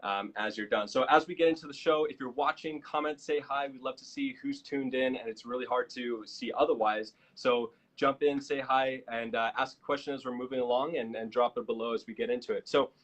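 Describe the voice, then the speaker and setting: A man's voice: mid-range voice, steady tone, a little fast, hardly any pauses, fairly bright tone. An American man hosting a live online show, making upbeat promotional plugs with frequent fillers. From United States. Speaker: host.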